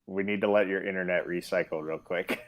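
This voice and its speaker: A man co-hosting a casual fantasy football podcast, joking and talking quickly. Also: low-pitched, fairly even intonation. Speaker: podcast co-host.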